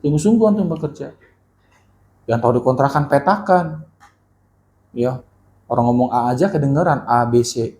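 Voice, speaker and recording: A man's voice: medium pitch, normal speed, long pauses, a little hiss or hum. A male Islamic teacher giving a casual sermon to young people. He talks in a slangy, colloquial way and keeps firing questions at his listeners. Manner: animated, keeps quizzing the audience.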